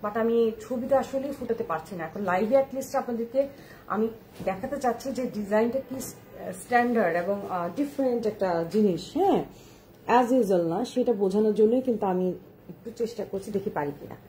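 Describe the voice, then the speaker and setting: A woman's voice: a little high, fairly quick, dark tone, slight background noise. A woman showing shawls on a live stream, chatty, repeating herself and urging viewers to look closely, slipping English words into her speech. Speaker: online shawl seller. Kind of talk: live-stream product showcase.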